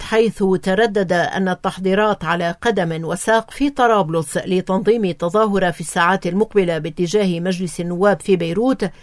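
A woman reads the radio news in a measured, even manner at a medium pitch. The recording is dry and close, with no room sound. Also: dry recording. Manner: measured, even formal delivery. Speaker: newsreader. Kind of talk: formal radio news reading.

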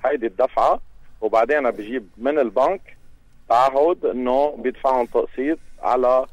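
A man's voice: mid-range voice, brisk, dull audio. A man with a Lebanese accent explaining things as a radio guest, repeating phrases for emphasis. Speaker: transport union representative, radio guest.

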